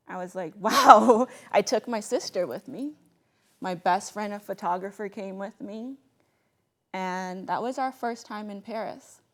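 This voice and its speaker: Animated woman telling a personal story. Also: medium pitch. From Bahamas. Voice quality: animated, laughs often, quotes people in voices.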